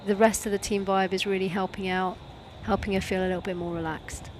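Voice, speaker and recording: A woman's voice: medium pitch, little pitch movement, brisk, a little hiss or hum. A woman commentating live on a sport event in a chatty, joking way, often thinking aloud.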